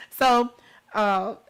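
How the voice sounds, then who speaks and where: In a low-quality recording, a woman from Detroit, United States, hosts a casual talk show in her Detroit accent, speaking straight to her audience. Her voice is smooth and a little high.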